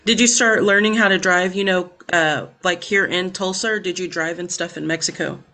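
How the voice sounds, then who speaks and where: A woman's voice: on the low side, normal speed, pushed and bright. A young woman who is a student, conducting a casual interview over a video call, friendly and full of fillers like um and you know.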